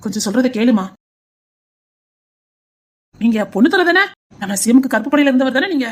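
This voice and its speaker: A woman voicing a calm, sympathetic male politician who speaks in a soothing, matter-of-fact way, with a Tirunelveli Tamil accent. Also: high voice, brisk.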